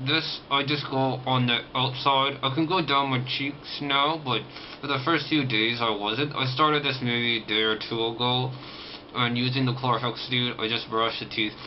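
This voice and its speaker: Man with a sore jaw, muffled noisy recording. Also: mid-range voice. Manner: talking with a stiff, sore jaw. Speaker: vlogger recovering from jaw surgery. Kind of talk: casual personal vlog talk. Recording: dull lo-fi audio, clear background noise.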